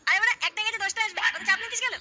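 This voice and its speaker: A performer voicing a cocky, foul-mouthed village boy in a cartoon, with a sped-up high-pitched voice and constant swearing. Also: rapid-fire, noisy background. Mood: coaxing. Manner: swears constantly, coaxing and teasing.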